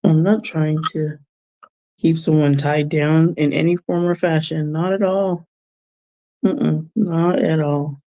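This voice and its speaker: A woman talks casually to her viewers while working on a craft. Her delivery is slow and unhurried, with a mellow, darker tone. She muses reflectively, gives gentle advice, and breaks into soft chuckles. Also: deep voice, fairly even intonation. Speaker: vlogger giving life advice.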